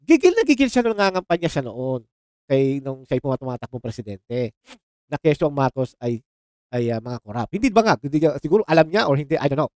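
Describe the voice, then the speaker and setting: A man's voice: mid-range voice, big pitch swings, fairly quick, darkish tone, no room sound. A Filipino man ranting in casual political commentary to his viewers. He sounds heated and sarcastic, and he keeps mixing English exclamations into his speech. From Philippines. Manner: calls viewers "mga chong". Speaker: political reaction vlogger.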